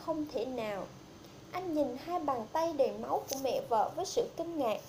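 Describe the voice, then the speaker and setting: A woman's voice: sits high, lively intonation, a little fast, mellow, a little hiss or hum. A woman reading out a horror story as a storyteller, playing all the characters herself with little change of voice.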